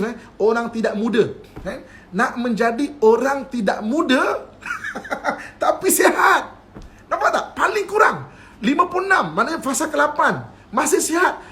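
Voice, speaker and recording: A man with a Malaysian Malay accent, a religious teacher, lectures on a live stream in an extremely high, bright, forceful voice with lively intonation at a normal pace. Slight background noise is present, and he often chuckles, playfully asking if his listeners are following.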